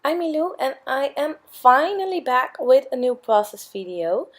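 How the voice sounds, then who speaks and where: Narrating her craft process casually for her channel, a young woman speaks in a high, hoarse, worn-out voice with big pitch swings at a normal speed. She frequently uses fillers and corrects herself.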